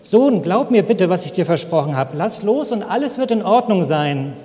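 A man playing a calm, soothing father. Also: high-pitched, moderate pace. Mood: reassuring. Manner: soothing, reassuring. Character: calm, reassuring father coaxing his son. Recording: long hall reverb.

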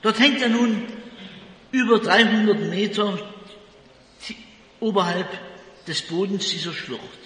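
A male preacher delivers his sermon slowly and deliberately, leaning on key words. His voice is high and bright. A long reverb from a large hall trails after every phrase. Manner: slow, deliberate, emphatic.

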